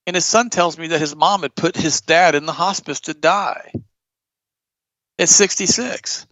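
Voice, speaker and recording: A middle-aged man hosting a show, telling stories in a blunt, animated way and jumping up in pitch for emphasis. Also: a little slow, no room sound, low-quality recording. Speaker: podcast host. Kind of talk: casual storytelling chat.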